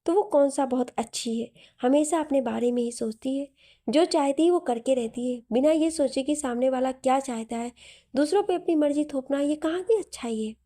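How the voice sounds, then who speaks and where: Storybook casting: a woman playing a shy, defensive young man, mellow tone. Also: high-pitched, normal speed, natural voice. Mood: sulky. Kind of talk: storybook narration.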